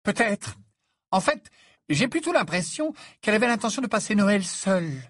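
A man reading aloud and putting on a high, shrill voice for a fussy motherly witch in a storybook. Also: sing-song, moderate pace, a bit bright, dry recording, studio quality, full character voice.

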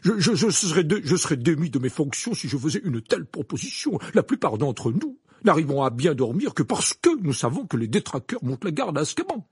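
A pompous, defensive minister who trips over his words, as a man reading a storybook puts him on. His breathy voice swings widely up and down, close and dry. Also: on the high side, very animated, a little fast, few pauses, darkish tone, no room sound, voice pushed up, full character voice. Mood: indignant. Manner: stammering, repeating words. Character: pompous flustered male minister, stubborn and defensive. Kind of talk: audiobook character voice.

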